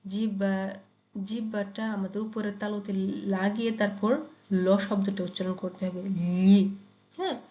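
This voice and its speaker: A woman giving a pronunciation lesson, saying example words slowly and repeating each one. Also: medium pitch, flat delivery, darkish tone. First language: Bengali. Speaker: Italian language teacher. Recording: echoey, dull lo-fi room sound.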